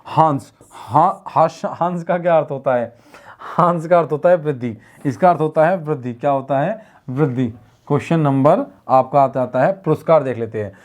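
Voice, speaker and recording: Hindi teacher drilling answers, slightly high voice. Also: male voice, moderate pace. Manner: drills answers by asking and repeating them. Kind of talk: online exam-prep class.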